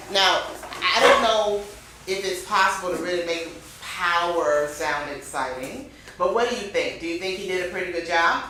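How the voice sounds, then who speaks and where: A woman teaching a speech club class, speaking expressively with lots of emphasis and rising and falling tone. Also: a little hiss or hum. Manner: expressive, varies pitch and emphasis. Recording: very echoey room.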